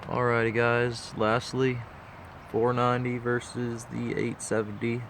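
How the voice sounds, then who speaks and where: Speaking in a mid-range, monotone voice that's gravelly yet fairly bright, a stuffy-nosed man keeps a measured pace. He's a diecast collector vlogger doing a casual walkthrough, laid-back and rambling with lots of fillers, against slight background noise.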